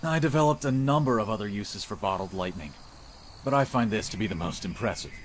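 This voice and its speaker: A man with a voice on the low side plays a worldly, well-travelled village inventor in a visual novel, a dry, matter-of-fact character who taught himself showmanship. He sounds proud and musing, speaking naturally in an animated, slightly fast way, with a little hiss or hum audible.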